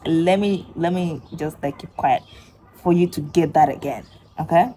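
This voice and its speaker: A young woman vlogger telling a personal story in a casual, chatty way, full of fillers, with sudden animated outbursts. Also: sits low, normal speed, slight background noise, low-quality recording.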